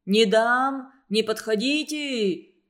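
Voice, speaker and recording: A woman reading a storybook aloud and voicing an enraged older man who shouts in outrage. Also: fairly high pitch, slow. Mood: furious. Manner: shouting, indignant. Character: furious older man, roaring at the barber.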